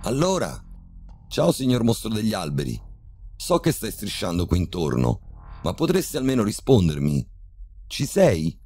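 Male narrator voicing a cheeky young boy, raised pitch, loud taunting calls. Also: huge pitch swings, unhurried, slightly rough, soft background music, heavily acted. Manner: taunting, calling out loudly. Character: teasing, daring young boy at night.

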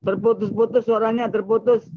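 A man on a choppy, breaking-up online call, talking haltingly and repeating greetings to check that he is heard. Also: high-pitched, little pitch movement, phone-quality sound, a little hiss or hum. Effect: choppy, breaking-up online call audio. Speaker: student in an online class. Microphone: video call.

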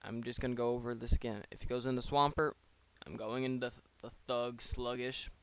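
A man's voice: medium pitch, little pitch movement, fairly quick, clear, resonant tone. A man giving casual, rambling play-by-play of his own online battle, with joking asides, close to a desk microphone. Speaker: league player.

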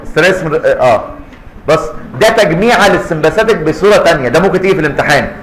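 Fast-talking Egyptian lecturer, animated man. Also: fairly high pitch, poor audio. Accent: Egyptian Arabic. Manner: animated, keeps quizzing students and acting out little scenes. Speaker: university physiology lecturer. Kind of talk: lively medical lecture to students. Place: lecture hall.

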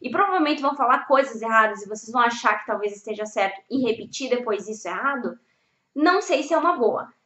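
A woman's voice: on the high side, animated, quick pace, bright, forceful tone. A young woman giving a casual video lesson on language learning, blunt and emphatic, swearing freely. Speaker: Spanish teacher. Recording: echoey room, slightly dull audio.

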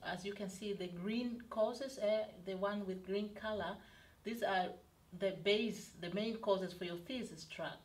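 A middle-aged woman from Tanzania, a study advisor, explaining a study programme in an interview with frequent pauses and fillers. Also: mid-range voice. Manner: hesitant, many fillers and restarts. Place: studio set, indoors.

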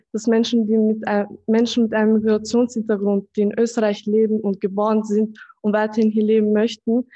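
An eighteen-year-old woman from Austria, a student, calmly reading a prepared statement at a press conference podium. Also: medium pitch, highs cut off. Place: conference room with banner. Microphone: podium microphone.

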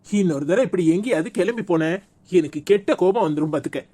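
A woman's voice: on the low side, expressive, fast talker, warm tone, breathy edge. A woman playing a stern village husband who reproaches his wife, in a Kanyakumari Tamil accent. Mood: reproachful.

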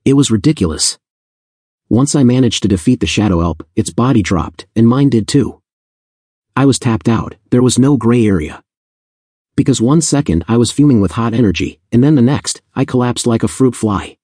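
A man's voice: mid-range voice, animated, moderate pace, warm tone, breathy edge, no echo, studio quality. A man narrating a first-person fantasy audiobook in an intense, blunt, casually profane storytelling manner.

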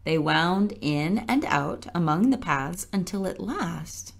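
A woman reading a children's book aloud at a library storytime, gentle and measured. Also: lowish voice, expressive, gravelly. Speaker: storytime reader.

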